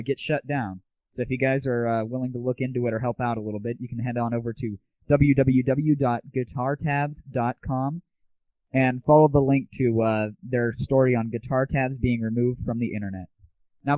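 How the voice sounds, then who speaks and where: Crude and sarcastic, a medium-pitched man rambles through a casual scripted monologue about games and the internet as the solo host of an irreverent audio show. The sound is dry and muffled, typical lo-fi 1990s internet audio.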